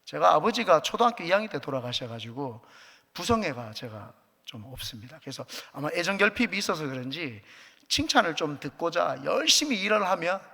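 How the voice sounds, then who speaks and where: A man's voice: a little high, sing-song, fairly quick, creaky, sharp tone. A man, a pastor, preaching a sermon as earnest personal testimony with light jokes, in a church sanctuary. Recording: echoey church hall.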